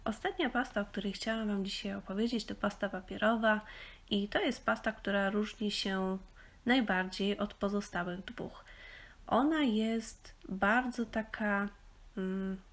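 A young woman from Poland talks through a craft tutorial in a relaxed, explanatory voice-over. Her pitch sits in the middle range, and she often pauses on small fillers while she thinks. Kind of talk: casual instructional voice-over.

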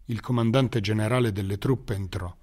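A man reading a children's story aloud in a lively, theatrical storytelling manner. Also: fairly low pitch, normal speed. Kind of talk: scripted story narration. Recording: music bed under narration.

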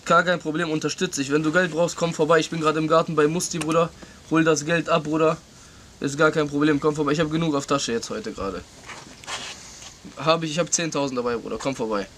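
A man's voice: on the high side, fairly bright tone. A man in his twenties with an Arabic accent in German, chatting casually in street slang mixed with Arabic words. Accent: Arabic-influenced German. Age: 20s. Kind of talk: casual slang chat among friends. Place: outdoors in a garden at night. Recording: on-camera sound with background noise.

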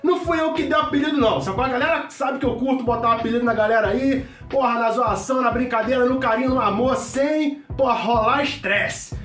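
An actor playing a loud, brash middle-aged mechanic with a Carioca accent, who shouts, swears constantly and rambles in a comedy sketch. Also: male voice, very high-pitched, fast, hardly any pauses. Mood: boisterous. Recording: echoey room, distant mic, faint music.

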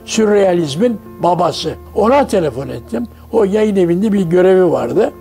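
An elderly man in his nineties, from Turkey, speaks in a documentary interview. His voice sits high for a man and carries a gravelly fry as he acts out the dialogue of the people in his stories. Soft music plays faintly behind him. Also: animated, normal speed. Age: 90s. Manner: anecdotal storyteller who acts out quoted dialogue. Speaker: interviewee recalling his life.

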